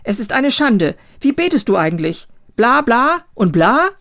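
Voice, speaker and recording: A woman's voice: medium pitch, expressive, normal speed, lightly acted. A woman voicing a scornful, mocking old male scholar while reading a novel aloud. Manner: teasing, scolding.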